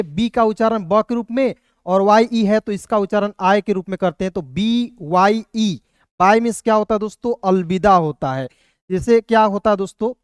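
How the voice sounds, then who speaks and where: A man gives a patient, repetitive video lesson, walking through each point step by step. He often asks his viewers a short check question and answers it himself. His voice is smooth and resonant, and the sound is dry and close. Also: sits high, no room sound. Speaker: English teacher.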